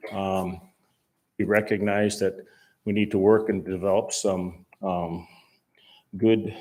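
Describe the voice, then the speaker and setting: An older man in his sixties speaks for a fish and wildlife commission at a public planning meeting. His voice sits very low, and he presses his points in an earnest, emphatic way. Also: a little mellow.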